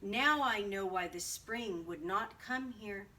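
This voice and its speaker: A woman's voice: medium pitch, takes it slowly, pushed and bright, recorded from a distance. A woman reading the part of a tender, protective male giant in a storybook. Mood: remorseful.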